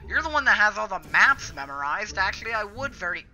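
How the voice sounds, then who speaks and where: A young man in casual co-op gaming chat, excitable and cursing when frustrated. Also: sits high, fast, highs cut off. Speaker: gamer. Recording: music playing under the talk.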